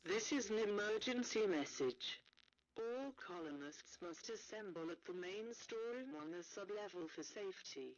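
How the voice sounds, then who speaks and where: A woman reading a recorded emergency announcement over an intercom, in a measured voice that repeats the same message. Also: mid-range voice, lively intonation. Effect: colony intercom broadcast. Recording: muffled lo-fi intercom with faint hiss.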